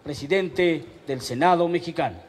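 A man's voice: on the high side, normal speed, background noise. A man making a formal announcement to introduce the next speaker. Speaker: event announcer. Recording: distant voice in reverberant hall.

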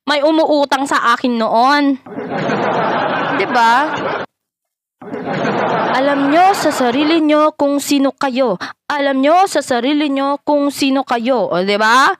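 A woman vlogger in a casual reaction vlog, teasing and mocking, laughing loudly and often and switching between Tagalog and broken English. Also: high voice, slow, pauses often, slight background noise.

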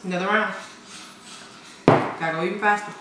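Echoey, bright-voiced young woman chatting. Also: mid-range voice, fairly even intonation, moderate pace, a little hiss or hum. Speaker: host of a food challenge video. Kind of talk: casual chat. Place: dining room indoors. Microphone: camera across the table. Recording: roomy, echoing, distant mic, music behind.

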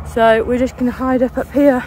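Holding her camera selfie-style, a young vlogger chats casually while wild camping on a mountainside beside a lake, laughing often. Her voice is fairly high and level, with a darkish tone, and she talks a little fast. There's slight background noise.

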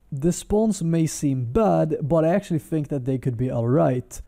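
A man giving a calm game commentary voice-over from a hotel room, his voice tired. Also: a little high, creaky. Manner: calm, measured game analysis. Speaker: gaming content creator.

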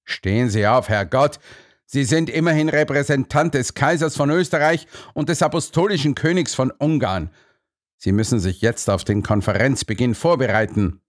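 Ein Mann, der in einem Hörbuch einen strengen, ungeduldigen älteren Kanzler spricht, herrisch und befehlend. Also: male voice, medium pitch, moderate pace, dry recording, studio quality, pitched above the performer's own voice, close to an everyday voice.

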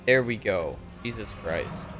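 A man's voice: lowish voice, lively intonation, a little slow. A man giving casual gameplay commentary as a streamer, often frustrated, swearing and poking fun at himself. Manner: frustrated, swearing, self-mocking. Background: game music.

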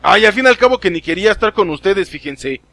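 Excitable high-voiced Mexican gamer. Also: male voice, fast talker, no room sound. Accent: Mexican Spanish. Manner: excitable, swears often, talks to game characters. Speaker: gaming streamer. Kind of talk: live gameplay commentary.

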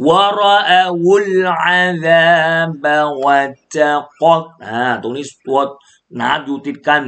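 Male recitation teacher from Thailand, slightly high voice, chants and patiently drills syllables. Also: a bit bright. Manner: alternates chanted Arabic recitation with patient spoken explanation, repeating syllables. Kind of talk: tajweed recitation lesson.

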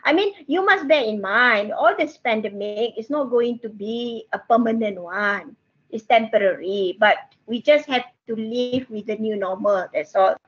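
Woman, Malaysian accent, Manglish code-switching, repetitive casual teaching, higher pitch, dull online-call audio. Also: measured pace, fairly bright tone. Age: middle-aged. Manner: Manglish code-switching with particles like lah, kan, ah; repeats phrases. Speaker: university lecturer. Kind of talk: online tutorial, casual explaining. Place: indoor room with bookshelves, video call. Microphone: headset. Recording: muffled, band-limited video call audio.

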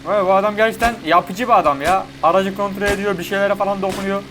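A man giving chatty, excitable let's-play commentary to his viewers. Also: high voice, quick pace, music in the background. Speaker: gaming YouTuber. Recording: game audio and vehicle noise behind.

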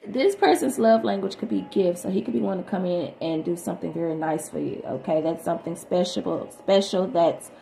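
A woman's voice: fairly low pitch, fairly quick, gravelly, few pauses. Chatty woman reading tarot, echoey room. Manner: animated, chatty, sings snatches of songs. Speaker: tarot reader. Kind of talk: casual tarot reading to viewers. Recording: echoey room, faint background noise.

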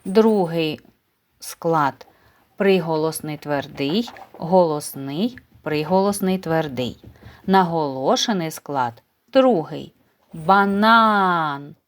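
Slow, patient woman teacher. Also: sits low, expressive, a little mellow. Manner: patient, careful, uses diminutives for children. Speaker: primary school teacher. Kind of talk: slow, clear dictation lesson for first graders.

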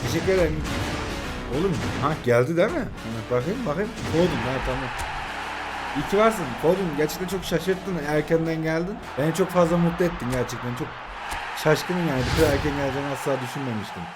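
Excitable young man streaming a game. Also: a little high, fast, over loud music. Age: 20s. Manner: excitable, swings between groaning and shouting. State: tired late at night. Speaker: mobile gaming streamer. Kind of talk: live pack-opening stream commentary.

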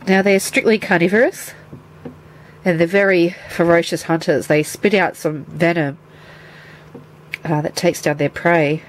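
Unhurried and pausing often, a woman with a stuffy, nasal cold voice chats to a handheld camera at home by a terrarium, showing her pets and explaining as she handles them for a casual show-and-tell vlog. Her voice is lowish with fairly even intonation. The recording is rough, carrying a little hiss or hum.

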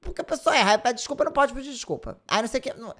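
A man's voice: very high-pitched, expressive, rapid-fire, fairly bright tone. A man with a Brazilian Portuguese accent giving casual, chatty commentary to his viewers as a reaction host.

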